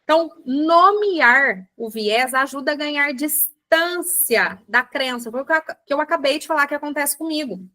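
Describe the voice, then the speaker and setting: A high, pushed, bright voice comes from a Brazilian psychologist teaching a book club class online, animated and at a moderate pace with few pauses. Chatty and speaking with a Brazilian Portuguese accent, she addresses her audience as "gente" and acts out everyday examples.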